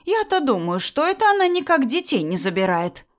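A woman reading a story aloud and voicing a spiteful, suspicious older mother-in-law who talks in a shrill, accusing way. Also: lively intonation, normal speed, lightly acted. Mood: furious.

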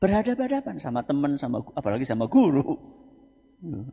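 A male Islamic preacher, giving a lecture, quizzing his audience and answering himself, dropping quiet then rising loud for emphasis. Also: on the high side, big pitch swings, fairly quick, vocal fry, slightly rough. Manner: asks the audience questions and answers them himself. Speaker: Islamic preacher teaching a book study. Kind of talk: religious lecture. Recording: muffled hall recording.

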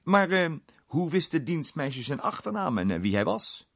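A man voicing Mr Redwood, a nosy middle-aged pub guest who is quick to joke. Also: on the low side, sing-song, pitched above the performer's own voice. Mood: teasing.

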